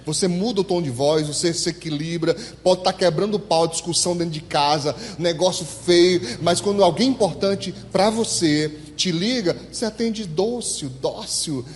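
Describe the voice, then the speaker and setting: A pastor, preaching a sermon in church and calling on the congregation to answer him. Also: male voice, high-pitched, moderate pace, few pauses, slight background noise. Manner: animated, asks the congregation to respond. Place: church hall. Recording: echoey church hall.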